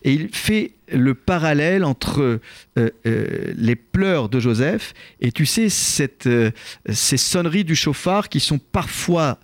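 A man hosting a radio talk show, explaining scripture in a measured, thoughtful way with frequent hesitations. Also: fairly high pitch, animated, dry recording.

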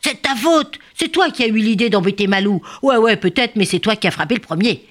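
A woman voicing a big bullying female ostrich who talks in a high, sneering, whining way. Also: wildly swooping pitch, measured pace, exaggerated voice.

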